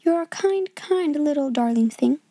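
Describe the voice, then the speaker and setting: A woman voicing a proud, well-bred poor girl who speaks politely and gently. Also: high-pitched, animated, normal speed, no room sound, clean studio sound, pitched above the performer's own voice. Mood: grateful.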